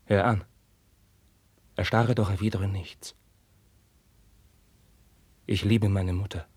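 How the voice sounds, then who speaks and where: An actor playing a young prince torn by forbidden love, declaiming classical verse with passion and dropping into hushed whispers. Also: male voice, fairly low pitch, steady tone, slow pace, breathy edge, no echo. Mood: anguished. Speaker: actor in a radio play. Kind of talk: classical verse radio drama.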